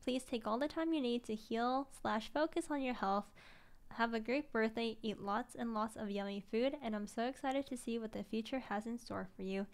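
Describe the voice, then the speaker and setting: A tired young woman streamer reads viewer messages aloud while chatting casually, gushing and emotional, occasionally dropping to a soft whisper. Her voice is a little high, at a moderate pace.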